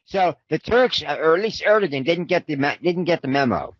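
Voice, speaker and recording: A man's voice: fairly high pitch, animated, fairly quick, dry recording, muffled recording. Rambling man full of "uh"s. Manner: rambling, frequent fillers. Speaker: podcast co-host, analyst. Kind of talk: casual discussion.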